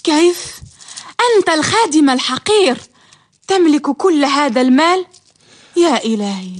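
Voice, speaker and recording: A woman's voice: sits high, animated, normal speed. An actress playing a proud, teasing young orphan woman in a radio drama, with a theatrical, haughty delivery. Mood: astonished suspicion. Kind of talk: radio drama acting in formal Arabic.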